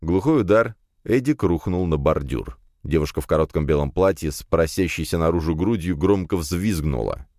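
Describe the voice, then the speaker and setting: A man narrating a fantasy audiobook in the first person, in a lively storytelling manner. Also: low-pitched, moderate pace, few pauses, no echo. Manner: lively storytelling with acted dialogue. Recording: dry close studio.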